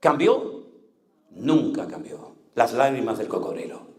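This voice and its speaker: A man's voice: medium pitch, very animated, measured pace, roomy sound. A male pastor preaching an impassioned sermon, acting out the voices he quotes.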